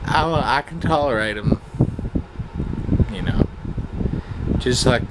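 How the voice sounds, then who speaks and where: A man's voice: medium pitch, slow pace. A man chatting casually in a rambling vlog, hesitant and meandering, frank and coarse in his wording. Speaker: vlogger. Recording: loud fan noise over the voice. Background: whirring fan.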